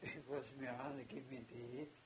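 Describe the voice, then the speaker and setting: An older woman with a Yiddish accent recalling memories in halting, broken English. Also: very deep voice, fairly even intonation. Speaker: interviewee, immigrant recalling the journey. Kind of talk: casual oral history recollection. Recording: hissy, noisy amateur home recording.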